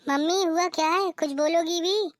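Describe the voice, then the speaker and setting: A woman's voice: high voice, fairly even intonation, normal speed, no room sound, lightly acted. A woman voicing a protective young married daughter in a cartoon, talking urgently. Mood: concerned. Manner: urgent, insistent. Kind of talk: cartoon voice acting.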